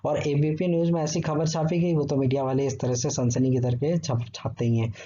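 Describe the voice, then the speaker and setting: A man's voice: on the high side, little pitch movement, fairly quick, warm tone. A man teaching an exam-prep history lesson, explaining step by step and checking in with the listener often. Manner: explanatory, repeats "ठीक है" often. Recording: dull lo-fi sound with faint background noise.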